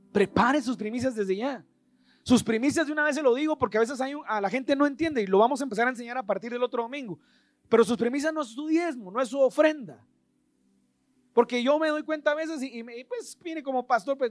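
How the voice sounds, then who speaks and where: A man preaching a Sunday sermon as pastor, urging his congregation to repeat after him. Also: very high voice. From Guatemala. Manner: preaching to a congregation, calling for repetition.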